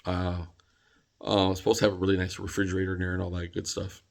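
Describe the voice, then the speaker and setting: A man's voice: sits low, completely flat delivery, quick pace, creaky. A tired man vlogging casually about a truck, rambling with many fillers and restarts. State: tired, yawning. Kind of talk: casual vlog talk.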